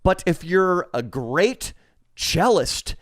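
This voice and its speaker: A man's voice: sits high, very animated, slow pace, no echo, studio quality. A man co-hosting a comedy podcast in casual banter, ranting in a mock-pompous way with crude jokes. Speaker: podcast co-host.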